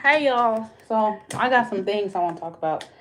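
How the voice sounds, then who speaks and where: A woman talks straight to her livestream viewers from inside her house, open and confiding. Her voice sits at an ordinary middle pitch, and the sound comes through a phone. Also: expressive, moderate pace, a little hiss or hum. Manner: candid and confiding, addressing viewers as "y'all". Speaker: livestream host. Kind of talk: casual livestream chat. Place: indoors at home.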